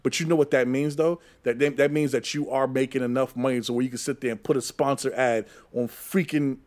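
A man's voice: mid-range voice, fairly even intonation, a little fast, a little mellow. A man co-hosting a casual podcast, easygoing, laughing often and repeating himself. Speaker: podcast co-host. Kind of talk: casual chat.

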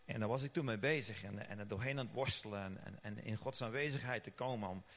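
A man preaching and leading worship in a soft, prayerful, reverent way, slipping English phrases into his talk. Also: fairly low pitch, quick pace.

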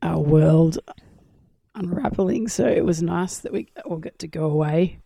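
An Australian woman chatting casually as a podcast co-host, her voice croaky and just back after illness. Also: lowish voice, a little slow, mellow, no echo. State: recovering from a cold-like bug, croaky. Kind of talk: casual chat.

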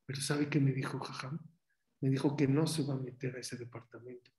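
Animated man preaching in an echoey room. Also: mid-range voice, fairly quick. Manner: animated storyteller, voice rising sharply at dramatic points. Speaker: rabbi teaching a Torah class. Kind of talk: storytelling sermon.

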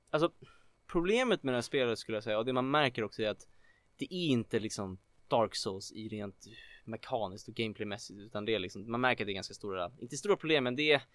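A man co-hosting a casual chat about video games, rambling with lots of filler words and getting excited. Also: mid-range voice, no echo. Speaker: podcast co-host.

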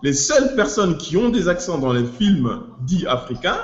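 On a casual podcast panel, this co-host talks at a moderate pace in a fairly high voice with big swings in pitch. He gives long explanations, often starts phrases over, and drops in English expressions, all captured in a muffled, roomy recording.

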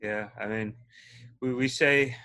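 A man interviewing a guest, making halting, earnest remarks with frequent restarts. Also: mid-range voice, steady tone, sharp tone. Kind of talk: casual interview.

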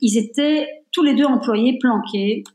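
A woman's voice: a little high, unhurried, a little mellow, reverberant. A woman in her fifties, born in Belgium, speaking as a guest in a conversational interview, reflective and emphatic, with many fillers. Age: 50s.

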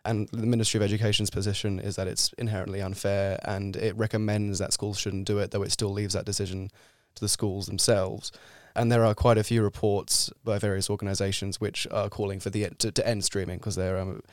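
Young guy from france on a podcast, smooth clear voice, lowish, dry sound. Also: little pitch movement, no echo. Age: young adult. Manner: measured, explains at length with small restarts. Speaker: guest researcher. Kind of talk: podcast interview.

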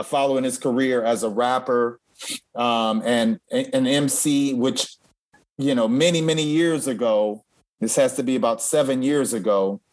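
A man co-hosting a casual show, upbeat and playful, laughing easily with his partner. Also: mid-range voice. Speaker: co-host. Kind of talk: casual podcast chat.

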